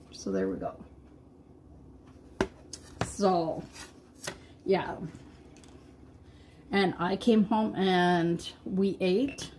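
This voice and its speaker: Middle-aged woman painting on a live stream, slow easy talk, chats to viewers n herself, faint hiss. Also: medium pitch. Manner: chatty, talks to herself and to viewers, laughs at her own slips. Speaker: live-stream craft host. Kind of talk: casual live-stream chat while painting.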